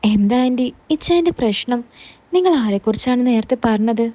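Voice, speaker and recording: Eager young man, gently questioning and consoling, mellow and fairly high, voiced by a woman reader. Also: expressive, a little fast.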